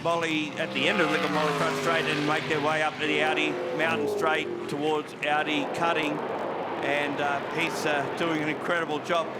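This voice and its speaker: A man commentates live on motorsport in a slightly raised pitch. He talks through the race conversationally, adding background detail. Loud racing car noise runs behind him. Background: racing cars passing.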